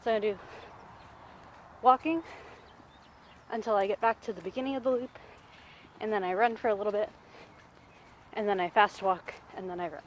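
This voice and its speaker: A woman's voice: medium pitch, quick pace, long pauses, a little hiss or hum. A woman vlogger and teacher chatting casually in a talkative, self-deprecating way. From Florida. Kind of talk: casual vlog chat. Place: outdoors on a walking path.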